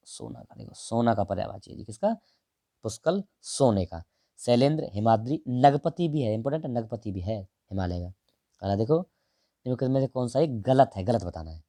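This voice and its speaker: Speaking in a mellow, medium-pitched voice, a man teaches exam prep by explaining the answers option by option. He keeps it casual and direct, calls the listener brother, and drags out certain words while writing, on a dry, clean studio recording.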